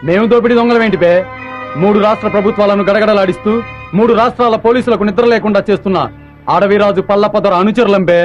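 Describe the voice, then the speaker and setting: Bandit henchman played by a man, rough and threatening, brisk, dull film audio. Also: sits high, steady tone, close to an everyday voice. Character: gruff forest bandit henchman. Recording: dull film soundtrack with music.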